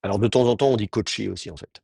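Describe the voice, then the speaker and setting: A man's voice: lowish voice, rapid-fire, vocal fry, darkish tone, slightly rough, dry recording, studio quality. A man teaching a grammar class, explaining patiently and often restarting his sentences. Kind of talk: Hebrew grammar lecture.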